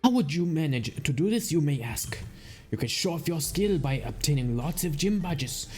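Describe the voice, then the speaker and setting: A man's voice: a little high, sing-song, a little fast, dark tone, husky, soft background music. A man voicing a genial, formal male ship captain in a put-on accent while reading game dialogue aloud. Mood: welcoming formal. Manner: formal, teasing, welcoming.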